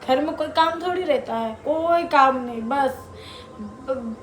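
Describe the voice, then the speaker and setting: A woman's voice: high-pitched, slow pace, roomy sound, slight background noise. A woman, a mother filming a family vlog and arguing with her husband in a heated, sarcastic way. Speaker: vlogger, mother.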